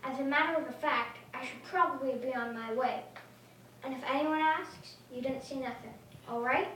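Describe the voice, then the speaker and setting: Woman doing sneaky young troublemaker in a ghost tour play, high voice, furtive, far from mic w echo. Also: normal speed, a bit bright. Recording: noisy, echoing, distant mic.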